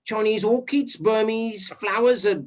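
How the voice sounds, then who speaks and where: An actor playing a dogged but fumbling English police inspector in a stage murder mystery, questioning people in a halting, polite way. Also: male voice, high voice. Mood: inquiring. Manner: hesitant, halting, polite formal address.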